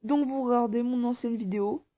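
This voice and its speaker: High-voiced woman giving a rambling tutorial. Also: steady tone, a little fast, warm tone. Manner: informal, rambling, talks through each step. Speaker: tutorial maker. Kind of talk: casual step-by-step app tutorial. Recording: dull, dry lo-fi recording.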